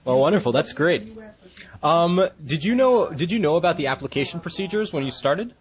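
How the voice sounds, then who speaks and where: A man's voice: fairly high pitch, lively intonation, fairly quick, muffled recording. A man interviewing a guest, asking brief prompting questions and giving short replies.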